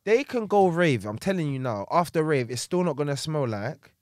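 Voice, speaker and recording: Podcast host: young man, London accent, slightly high pitch, dry sound. Casual street-slang banter, emphatic, repetitive storytelling. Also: big pitch swings, normal speed, a little mellow, dry recording. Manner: repeats words, emphatic storyteller.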